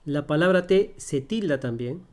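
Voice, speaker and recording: A man teaching a grammar lesson one on one over a call, speaking slowly and patiently, repeating his examples and checking that his listener understands. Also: on the high side, expressive, darkish tone.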